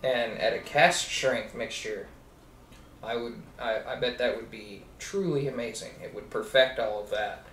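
A man talks slowly and loosely in a casual whiskey tasting chat, often breaking into laughter and circling back over his words. His voice sits away from the mic in an echoey room, with a faint hum of room noise behind him. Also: mid-range voice, a bit bright, far from the mic. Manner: rambling, laughs often, restarts mid-sentence. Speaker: co-host of a whiskey review channel.

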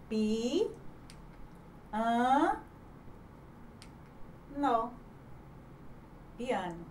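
A Brazilian-accented woman teaches children grammar in a slightly raised voice, unhurried and careful. She spells words out syllable by syllable and poses questions to her young class before answering them herself. A faint hiss of background noise sits under the recording. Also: a little high. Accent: Brazilian Portuguese. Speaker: primary school teacher. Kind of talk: online grammar lesson for children.

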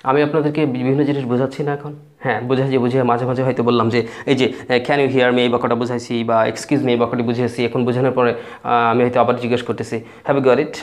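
A man's voice: medium pitch, level tone. Man teaching spoken English. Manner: talks straight to viewers, spells and repeats phrases slowly. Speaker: English tutor. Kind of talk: casual spoken-English lesson. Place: indoors at a writing board.

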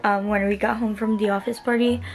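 A young woman chatting casually to camera in a vlog, her voice hoarse and partly gone. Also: mid-range voice, little pitch movement, fairly quick, soft background music, low-quality recording. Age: young adult. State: voice partly gone after a party. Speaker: vlogger. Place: small bedroom, indoors. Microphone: camera at arm's length.

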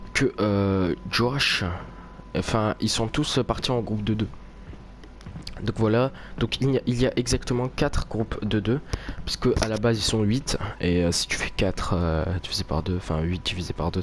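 A man with a slightly low voice plays a horror game and commentates as a spooked, grumbling streamer. He rambles casually, jokes crudely and swears often. There is faint background noise. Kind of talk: casual let's play commentary. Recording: noisy home game recording. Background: horror game ambience.

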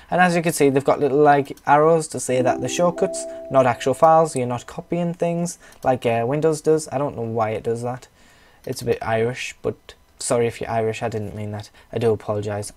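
A man's voice: mid-range voice, darkish tone. A young man with a northeast English accent talks through a computer tutorial in a rambling, chatty way, with offhand asides. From northeast England. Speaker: tutorial maker. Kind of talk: casual screen-recorded tutorial.

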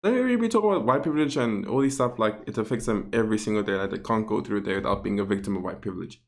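A man's voice: lowish voice, animated, racing. A man hosting his own vlog, giving casual, sarcastic opinion commentary straight to his viewers. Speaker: vlog host.

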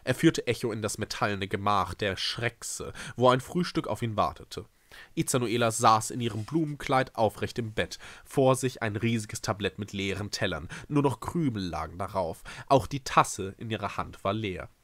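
A man reading a novel aloud with lively, expressive narration. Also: fairly low pitch, moderate pace, dry recording. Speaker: reader. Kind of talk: storybook read-aloud.

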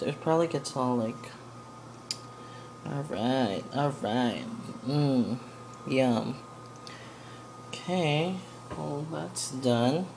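A woman's voice: a bass voice, noisy background. A young woman chatting casually as she cooks in her home kitchen for a vlog, rambling and giggly. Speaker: cooking vlogger.

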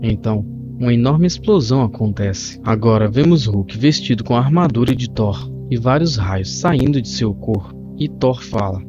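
A man narrating a comic book as a reader, describing the panels in steady storytelling. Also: mid-range voice, normal speed. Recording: muffled lo-fi with faint music.

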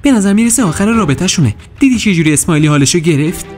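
A woman's voice: on the low side, animated, a little mellow, soft background music, close to an everyday voice. A woman voicing a teasing, gossipy schoolgirl in a dubbed kids' video drama.

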